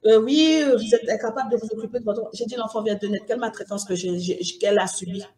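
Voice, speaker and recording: A woman's voice: a little high, quick pace, dark tone. Woman giving an emotional personal testimony. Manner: emotional, repeats and restarts, quotes others in dialogue. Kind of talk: personal testimony, recounting events.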